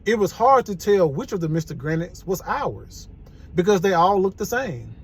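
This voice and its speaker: A man reading a children's chapter book aloud in a playful, animated way. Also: sits high, moderate pace, breathy edge. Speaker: storybook reader.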